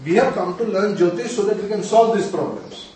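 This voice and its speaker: A man's voice: sits high, brisk, darkish tone. A man with a North Indian accent giving a spiritual lesson in a didactic way, repeating phrases and asking rhetorical questions. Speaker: Vedic astrology and mantra teacher. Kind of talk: spiritual lesson with chanted syllables. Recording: very echoey room, distant mic, faint noise.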